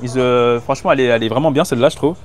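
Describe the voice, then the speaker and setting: A medium-pitched man races through his casual vlog, speaking slangy, informal French to his viewers and thinking aloud as he reviews goods. He's shopping at busy market stalls, recorded candidly on location by a hidden mic. Music plays in the background.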